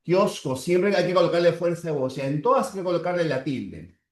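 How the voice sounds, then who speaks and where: A man's voice: on the high side, animated. Male teacher in an echoey room. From Peru. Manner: slow, drawn-out spelling of example words; checks in with the class with short tags. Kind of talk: classroom lecture.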